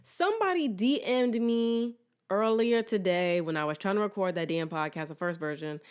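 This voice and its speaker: A woman's voice: mid-range voice, normal speed, clear, resonant tone. An American woman hosting a casual solo sports podcast with a swollen throat, rambling candidly in a slangy, self-deprecating way. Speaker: podcast host.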